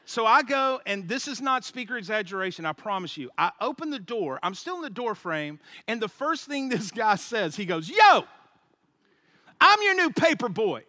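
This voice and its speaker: A man, a guest speaker telling a funny story at church in an animated, joking way. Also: high-pitched, moderate pace, few pauses, no echo, studio quality. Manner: animated, joking, laughs at his own story. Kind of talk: humorous storytelling sermon.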